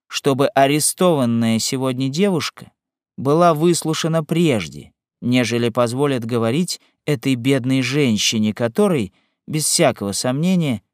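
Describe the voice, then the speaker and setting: A man voicing a calm, sorrowful young man who defends himself in a courtroom, in an audiobook reading. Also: mid-range voice, no echo, studio quality, natural voice. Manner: grave, restrained.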